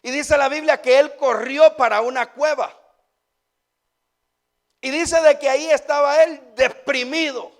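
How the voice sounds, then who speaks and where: A man's voice: extremely high pitch, fairly even intonation, a little slow, pauses often. A man, a pastor preaching a sermon with rhetorical questions and repeated phrases.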